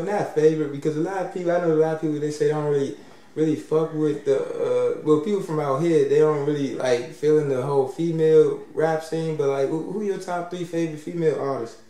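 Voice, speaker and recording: A man asking halting, casual questions as an interviewer. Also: fairly high pitch, mellow. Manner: halting questions, repeated short agreements. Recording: echoey room, distant mic, faint noise.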